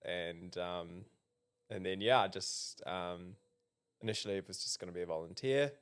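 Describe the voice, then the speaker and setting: A man with a New Zealand accent, a political candidate being interviewed, who answers haltingly with many fillers and restarts. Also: sits low, clear, resonant tone. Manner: hesitant, many ums and restarts. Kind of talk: casual interview.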